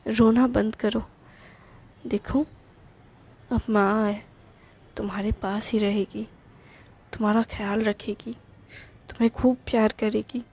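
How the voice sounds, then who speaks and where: A woman storyteller voicing a gentle, loving mother-in-law who soothes a crying young woman in a soft, tender way. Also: medium pitch, level tone, takes it slowly, pauses often, husky. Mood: tender, soothing.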